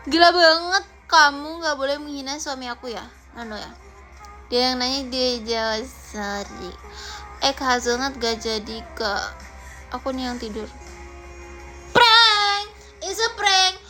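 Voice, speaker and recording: A woman's voice: high-pitched, steady tone, a little slow, pushed and bright, faint music behind. A woman live streaming from home, chatting casually and playfully teasing her viewers as she reads their comments aloud. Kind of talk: casual livestream chat reading viewer comments.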